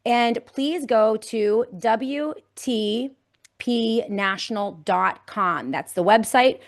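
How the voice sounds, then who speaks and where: A woman's voice: a little high, takes it slowly. A woman hosting a political talk show, speaking in an emphatic, campaigning way. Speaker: host.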